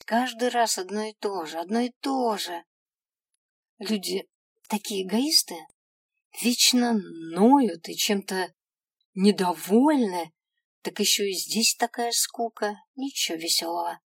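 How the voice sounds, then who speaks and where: A woman's voice: mid-range voice, a little slow, husky, dry recording, clean studio sound. A woman voicing a bored, irritable male imp who judges the dead, talking in a weary, dismissive way in a storybook reading. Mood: weary irritated.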